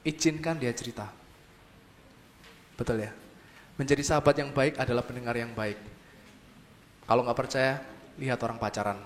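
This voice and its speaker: A man giving a lively motivational talk to young people, who keeps asking the audience whether they agree. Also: mid-range voice, normal speed, long pauses, a little hiss or hum. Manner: acts out short dialogues in other voices. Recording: long hall reverb.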